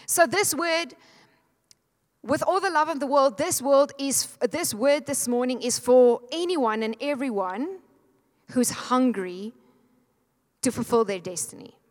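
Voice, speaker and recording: A middle-aged woman preaches with fervent conviction, her fairly high voice pressing the congregation to answer back. Her words ring out with the long reverb of a church sanctuary. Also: measured pace. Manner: fervent, exhorting, leads the congregation in call and response. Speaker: pastor. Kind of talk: sermon.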